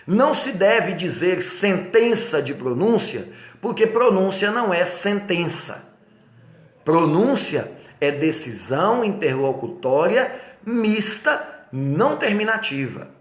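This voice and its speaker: A man's voice: sits high, very animated, takes it slowly, reverberant. A man with a Brazilian Portuguese accent giving an exam-prep law lecture, stressing key points and checking in with rhetorical questions. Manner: emphatic, repeats key points, asks rhetorical check-ins.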